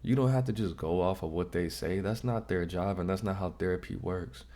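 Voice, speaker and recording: A man's voice: sits low, fairly quick, warm tone. A man hosting a casual reaction vlog, giving direct, slangy advice and often repeating himself. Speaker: vlog host.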